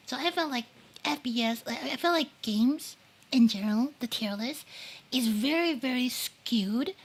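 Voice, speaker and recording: A woman streaming live, chatting casually and rambling about games while reading chat messages aloud, with many fillers and some whispered asides. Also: on the high side. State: eating while talking. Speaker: livestreamer.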